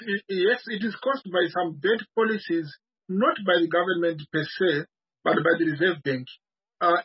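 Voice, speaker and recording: A man, speaking as a party guest over a remote video call, assertive and halting with many fillers. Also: sits high, breathy edge. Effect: remote video call audio. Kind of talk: call-in interview answers. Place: remote, calling in from abroad. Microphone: computer call microphone. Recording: lo-fi call line, cutting out.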